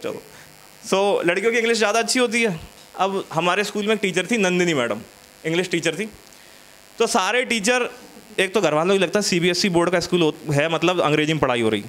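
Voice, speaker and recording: A male stand-up comic with a notably high voice, spinning stories in a loose, chatty way. He keeps breaking off to banter with his audience on a small studio stage. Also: brisk, a bit bright. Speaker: stand-up comedian. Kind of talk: stand-up comedy set.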